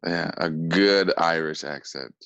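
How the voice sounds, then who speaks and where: A man, an actor, talking casually as an interview guest, halting and often repeating his words. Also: low voice, a bit bright, no echo, muffled recording.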